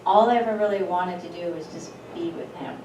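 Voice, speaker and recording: A middle-aged woman speaking at a memorial with gentle, personal humor. She is heard from a distance in an echoey hall over background noise. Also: lowish voice, fairly quick, dull audio. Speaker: eulogy speaker, daughter of the deceased. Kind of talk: memorial speech. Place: event hall. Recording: echoey hall from far off, noisy.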